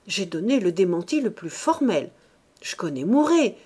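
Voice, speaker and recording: A woman's voice: medium pitch, very animated, moderate pace, a little mellow, breathy edge. A woman voicing an elderly self-righteous bourgeois mother who laments plaintively in an audiobook. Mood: indignant lament. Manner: indignant, plaintive.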